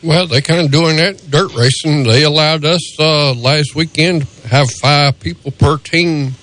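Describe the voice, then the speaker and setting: A man's voice: a little high, measured pace, fairly bright tone. A plain-spoken, folksy man with a Southern US accent and a country drawl, chatting casually on the radio. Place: radio studio.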